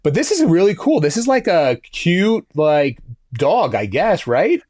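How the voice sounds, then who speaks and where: A man's voice: on the high side, very animated, measured pace, darkish tone, no echo, clean studio sound. Rambling male podcast co-host. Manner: loose, rambling, many fillers and restarts. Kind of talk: casual podcast chat.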